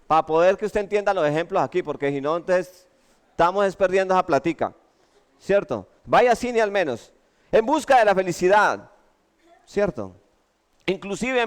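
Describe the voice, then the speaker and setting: A Colombian man preaching a lively sermon with humorous stories, often checking in with the congregation. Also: high-pitched, clean tone. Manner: animated, keeps asking the congregation "¿cierto?". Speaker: pastor. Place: church.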